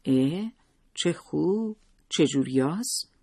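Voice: medium pitch, lively intonation, a little mellow, breathy edge, no room sound, clean studio sound. The audiobook narrator voicing a domineering husband who barks angry questions. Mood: offhand. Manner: barking, angry. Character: harsh domineering husband and father.

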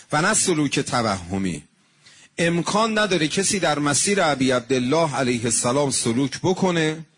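A man giving an earnest sermon, telling stories and slowing down on devotional phrases. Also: fairly high pitch, husky. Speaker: religious preacher.

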